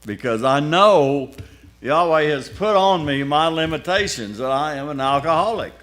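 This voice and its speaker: A man's voice: a little high, expressive, normal speed, a bit bright. An older male pastor telling his own story from the pulpit. His talk is folksy and colloquial, with a wry, plainspoken turn. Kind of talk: sermon testimony storytelling.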